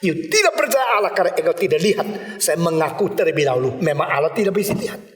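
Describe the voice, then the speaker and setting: A male pastor preaching a sermon, animated and emphatic, now and then mixing in English words. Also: on the high side, fast. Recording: echoey hall from a distance.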